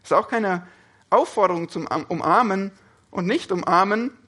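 A man's voice: high-pitched, moderate pace, bright, forceful tone, slightly rough. A man preaching a sermon, speaking earnestly and often putting questions to his listeners.

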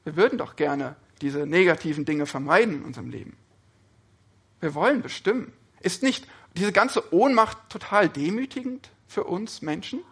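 Male preacher with a high, bright voice; earnest sermon delivery full of rhetorical questions. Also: animated, normal speed, gravelly, breathy edge.

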